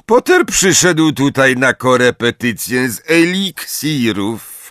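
A man voicing a cold, sneering male schoolteacher who drawls slowly and cuttingly. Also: mid-range voice, sing-song, fairly bright tone, no room sound, studio quality, pitched above the performer's own voice.

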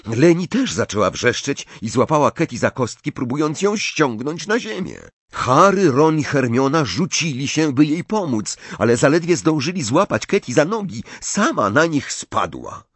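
A man reading a story aloud as an audiobook narrator, in an expressive, dramatic way. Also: fairly high pitch, moderate pace, breathy edge, no room sound. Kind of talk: scripted narration.

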